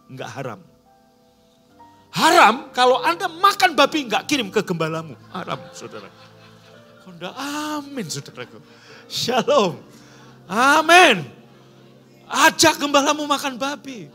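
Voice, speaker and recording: Brief: man preaching, very high, bright voice, lively and emphatic. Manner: emphatic, swings between loud declarations and quiet asides. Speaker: pastor. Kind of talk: lively charismatic sermon. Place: church service.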